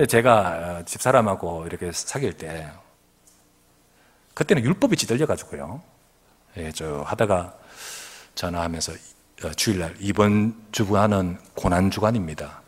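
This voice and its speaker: Husky male pastor, middle-aged, lively swooping delivery, church sermon. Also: low voice. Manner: animated storytelling with laughter, acts out quoted voices. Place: church sanctuary.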